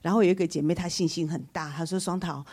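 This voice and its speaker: A woman's voice: on the low side, very fast. A woman giving a church testimony as a story, acting out each person's lines, with many fillers and restarts. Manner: lively storyteller who acts out each voice in the dialogue; many fillers and restarts, laughs while talking.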